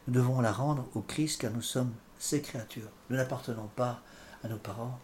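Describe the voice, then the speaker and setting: A man preaching a sermon and commenting on scripture, often halting and repeating words with fillers. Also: medium pitch, a little mellow, slight background noise. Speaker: priest.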